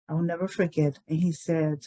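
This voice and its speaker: A woman, recalling her life in a reflective, unhurried way with many pauses. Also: low-pitched, level tone, warm tone, low-quality recording. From Liberia. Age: 60s. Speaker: interviewee telling her life story. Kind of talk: reflective personal storytelling.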